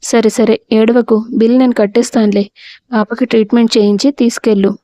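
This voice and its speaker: A woman voicing a kind male cousin who speaks gently and with concern. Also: fairly high pitch, fairly even intonation, fairly quick, no room sound, natural voice.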